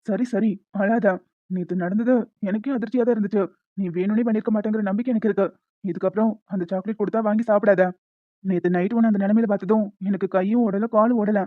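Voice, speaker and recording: A woman voicing a stern but caring young man in an animated story, speaking in a firm, lecturing way. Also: mid-range voice, no room sound, narrow, tinny audio, lightly acted. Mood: gentle. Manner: firm, lecturing, quick-talking.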